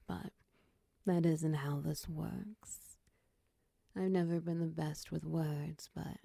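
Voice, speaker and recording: A woman's voice: lowish voice, no echo, full character voice. A woman whispering as a doting snake-tailed mother figure. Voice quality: breathy whisper. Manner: soft close whispering, coaxing and soothing. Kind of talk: ASMR whispered roleplay.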